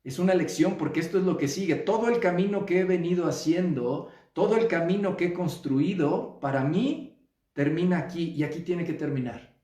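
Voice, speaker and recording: A man's voice: a little high, warm tone. Mexican man talking in a roomy echo. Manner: measured, repeats phrases, checks in with listeners. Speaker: psychotherapist. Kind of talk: reflective live talk. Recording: roomy echo, distant mic.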